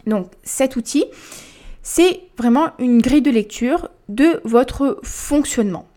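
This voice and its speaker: A young woman talks through her solo podcast in a casual, explanatory way. She repeats words and fills pauses as she goes. Her voice sits a little high. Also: lively intonation, mellow. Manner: chatty, explanatory, with fillers and repetitions. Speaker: podcast host and life coach.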